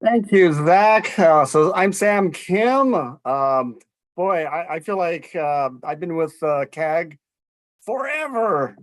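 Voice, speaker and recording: A man's voice: fairly high pitch, lively intonation, slow, no room sound. A man introducing himself in an upbeat, conversational way on a video call for a community advisory group.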